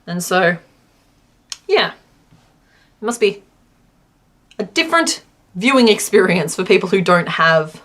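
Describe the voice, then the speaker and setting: Speaking slowly with frequent pauses, a woman hosts a crochet livestream in a sing-song, medium-pitched voice. She rambles casually with many fillers, reads out comments from chat, and counts her stitches under her breath.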